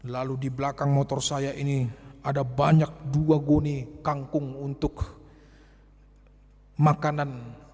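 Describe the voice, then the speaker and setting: A man preaching a sermon as pastor, telling a personal story in a hushed voice and then building to loud, passionate exhortation. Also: mid-range voice, slightly rough. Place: church. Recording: church hall reverb.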